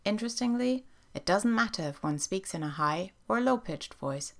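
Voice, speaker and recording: A woman giving calm, measured scripted narration for a teacher training video. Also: mid-range voice. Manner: calm, measured instructional delivery.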